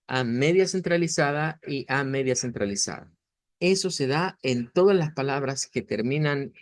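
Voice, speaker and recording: A man teaching a beginner language lesson, explaining slowly and patiently, with many fillers and restarts. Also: on the high side, no room sound, clean studio sound.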